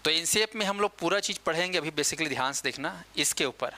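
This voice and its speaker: A man teaching a coaching-class lecture in a casual, chatty way, quizzing students and answering himself, slowing down to dictate key terms. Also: a little high, pushed and bright.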